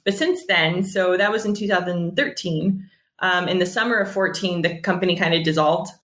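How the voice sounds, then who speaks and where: Her voice sits on the lower side and the space is reverberant as this thirtysomething American woman chats as a podcast guest. A bakery owner from San Jose, California, she moves at a moderate pace through conversational anecdotes, quoting dialogue vividly and laughing frequently.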